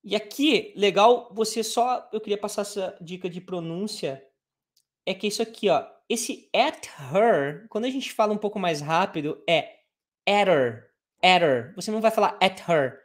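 A woman's voice: medium pitch, animated. Brazilian woman teaching a live English lesson. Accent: Brazilian Portuguese. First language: Portuguese. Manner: drills phrases slowly, repeating piece by piece.

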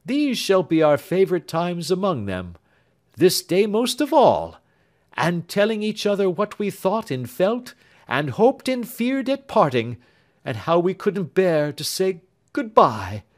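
A man's voice: high voice, very animated, a little slow, voice pushed up. An older-sounding male reader voicing an earnest, affectionate young man, speaking eagerly and with feeling. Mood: fervent.

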